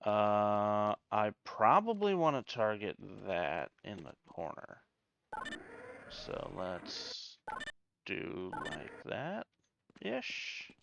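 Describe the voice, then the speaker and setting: A man's voice: lowish voice, wildly swooping pitch, drawn-out words, gravelly, fairly bright tone, highs cut off, a little hiss or hum. A man giving casual gameplay commentary, thinking aloud in a hesitant way. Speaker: gamer.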